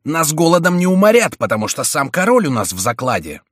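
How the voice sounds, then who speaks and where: A man's voice: on the high side, big pitch swings, fairly quick, fairly bright tone, no echo, clean studio sound, pitched above the performer's own voice. A man voicing a stout, bold nobleman who speaks breathlessly and with resolve. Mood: urgent.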